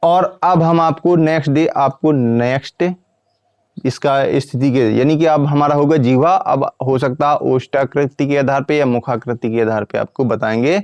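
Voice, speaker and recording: A man teaching a grammar lesson, asking questions and answering them himself, repeating each point and sounding out vowels slowly. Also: mid-range voice, fairly even intonation, a little mellow, no echo.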